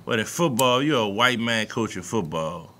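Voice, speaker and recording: A man's voice: lowish voice, expressive, moderate pace, pushed and bright. A man with a New Orleans accent co-hosting a podcast, talking sports in a loose, profane, emphatic way. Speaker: podcast co-host. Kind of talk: casual sports talk.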